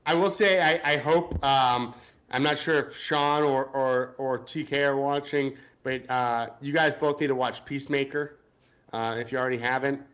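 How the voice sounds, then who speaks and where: A man's voice: medium pitch, steady tone, normal speed, fairly bright tone, muffled recording. A man co-hosting a casual sports podcast, hesitant and joking, often restarting his sentences. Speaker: podcast co-host.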